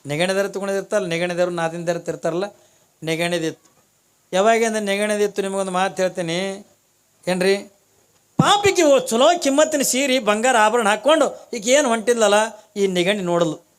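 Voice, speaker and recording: Male preacher, high voice, storytelling sermon, jumps into loud character voices, repeats lines for emphasis. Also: moderate pace, clean tone. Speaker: religious preacher.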